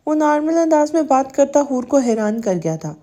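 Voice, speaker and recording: A woman reading a romance audio novel aloud in a steady storytelling way. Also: high voice. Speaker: audiobook narrator. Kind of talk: scripted romance novel narration.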